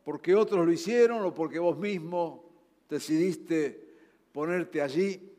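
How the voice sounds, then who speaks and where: A man with a Rioplatense Spanish accent preaching a sermon. He urges his listeners earnestly, rising loud and then dropping to soft, low passages. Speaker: pastor. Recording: long hall reverb.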